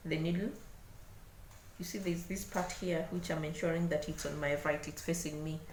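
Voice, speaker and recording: A woman with a Kenyan accent giving an unscripted hands-on craft demonstration, speaking haltingly and repeating words as she works. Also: low-pitched. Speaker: craft tutorial host. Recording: echoey room, clear background noise.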